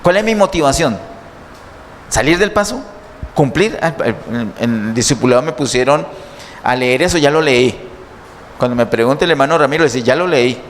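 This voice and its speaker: A man's voice: mid-range voice, lively intonation, normal speed, pauses often. A man preaching a sermon in a church, teaching step by step and asking his listeners many questions. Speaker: pastor. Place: church hall. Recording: church hall reverb, faint noise.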